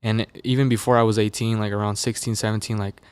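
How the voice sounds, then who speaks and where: A fast-talking young musician from Las Vegas, USA, sits in a podcast studio for a casual interview, speaking into a dynamic studio mic. His low voice is clear and resonant, and the recording is dry. He tells his stories loosely and easily, with lots of fillers.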